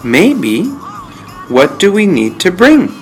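A woman doing a deep-voiced casual friend. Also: big pitch swings, faint music behind, exaggerated voice, poor audio. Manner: slow, deliberately lowered voice.

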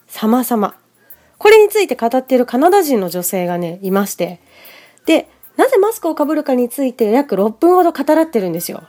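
A woman teaching an English listening lesson for a podcast, chatting casually and then carefully modeling English words slowly, one pronunciation point at a time. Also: a little high, mellow. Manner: chatty asides in casual Japanese.

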